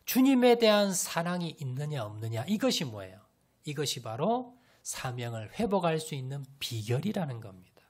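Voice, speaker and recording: A man preaching a sermon as a pastor, telling a Bible story with animated storytelling and questions to the congregation. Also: a little high, moderate pace.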